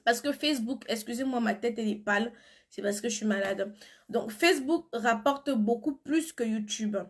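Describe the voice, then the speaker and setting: A beauty seller with a cold and flu chats casually on a phone live stream, answering viewers' comments in a voice on the high side at normal speed. When she insists on something, she turns blunt.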